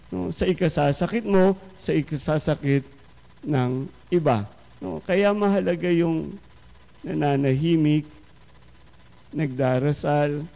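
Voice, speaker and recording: A man with a Filipino accent giving a Sunday homily, speaking slowly and reflectively and often addressing his listeners. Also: on the high side, vocal fry, a little mellow. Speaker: priest. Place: large church. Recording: long church reverb.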